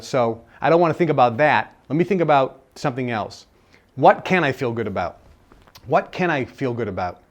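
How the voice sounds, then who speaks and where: A man speaking at a live self-help seminar in a conversational way, repeating phrases for emphasis. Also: mid-range voice.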